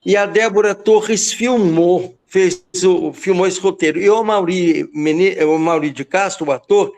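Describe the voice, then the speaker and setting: A man's voice: high-pitched, measured pace, darkish tone. A man from Goiás in Brazil, a poet telling the story behind his book and reciting his verses in a rhythmic, incantatory way over a video call. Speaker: poet and guest speaker.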